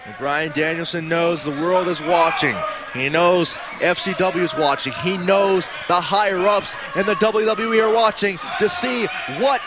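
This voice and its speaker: A man doing excited play-by-play wrestling commentary with emphatic, exclamatory calls and dramatic repetition. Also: sits high, normal speed, few pauses. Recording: loud arena crowd noise behind. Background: roaring wrestling crowd.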